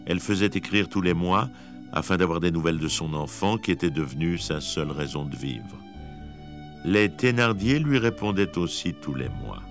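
A man giving measured, expressive scripted narration of a classic story. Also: sits low, soft background music.

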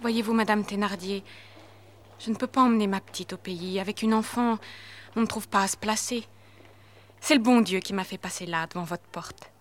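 A woman's voice: mid-range voice, normal speed, natural voice. Woman playing an imploring young mother. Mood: pleading. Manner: earnest, imploring. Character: poor young widowed mother, pleading and earnest. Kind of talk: audio drama acting.

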